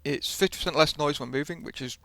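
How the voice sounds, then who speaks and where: A man's voice: fairly high pitch, quick pace, creaky, a bit bright, dry recording. A man hosting a gaming video with casual commentary, often hesitating and correcting himself as he explains.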